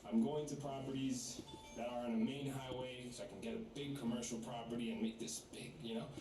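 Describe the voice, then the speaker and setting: A man's voice: medium pitch, level tone, a little fast, over music. A man in his twenties, a trading mentor, talking casually and enthusiastically to a live group in a large room. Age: 20s. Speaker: trading mentor hosting event. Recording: roomy, distant mic, noisy room.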